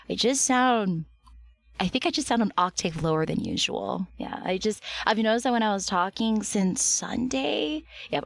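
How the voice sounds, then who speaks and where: A woman's voice: medium pitch, gravelly, no room sound. Woman streamer with a slightly strained voice. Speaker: livestreamer. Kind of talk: casual chat with livestream viewers.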